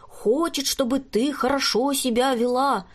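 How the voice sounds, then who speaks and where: A woman voicing a young girl who pretends to be a solemn fortune teller, speaking slowly and mysteriously. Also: sits high, voice pushed up. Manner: slow, drawn-out, mysterious.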